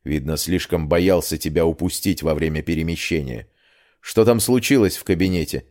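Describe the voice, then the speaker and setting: A man voicing a shaken young male friend in a fantasy audiobook, speaking low, hushed and grim. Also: normal speed.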